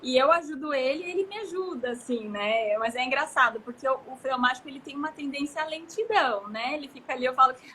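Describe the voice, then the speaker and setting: A woman in her thirties with a Brazilian Portuguese accent, a guest in a casual live conversation, telling stories in an expansive, animated way. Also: high-pitched, fast talker, few pauses, slight background noise. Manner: expansive, gesturing, animated storytelling.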